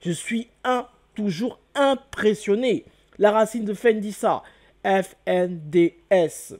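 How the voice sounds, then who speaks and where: Excitable man teaching a video lesson. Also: high voice, takes it slowly. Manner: enthusiastic, exclaims often, repeats key words; asks the listener questions and answers them himself. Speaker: channel host teaching hieroglyphs.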